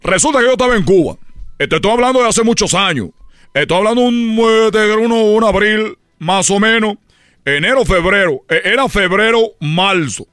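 A man's voice: high voice, moderate pace, a bit bright, no echo. A man hosting a comedy radio skit, telling a rambling, playful story. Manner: rambling and playful, slipping into voices.

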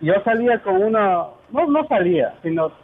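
A man's voice: sits high, sing-song, normal speed. A male caller on the phone, hesitant and full of fillers as he tells a story. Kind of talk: phone call to a radio show. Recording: tinny phone line with faint noise.

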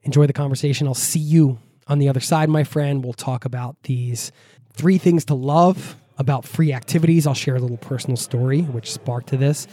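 A man's voice: medium pitch, fairly even intonation, a little fast, warm tone, no room sound. A man delivering a scripted podcast introduction as the host, addressing the listener directly.

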